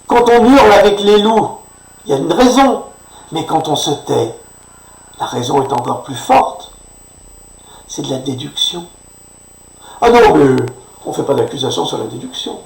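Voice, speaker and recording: Man, higher-pitched voice, indignant sarcastic rant, echoey distant recording. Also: a little slow, long pauses, a little mellow. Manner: indignant, sarcastic, frequent tag "hein". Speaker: commentator. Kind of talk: political rant monologue. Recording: echoey room, voice far from mic.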